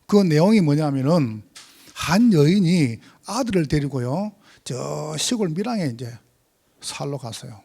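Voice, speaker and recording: A male pastor delivers a sermon in a high, very animated voice that leaps up and down in pitch. He is emphatic and swings from loud calls to hushed asides.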